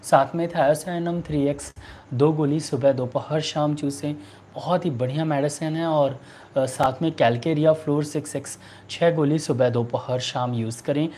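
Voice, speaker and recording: This Indian-accented man in his thirties, a homeopath running a live online clinic indoors in a small furnished room, responds to viewers and offers remedy advice. He speaks haltingly and repeats himself, his slightly high, somewhat mellow voice fairly even in intonation, over light background noise.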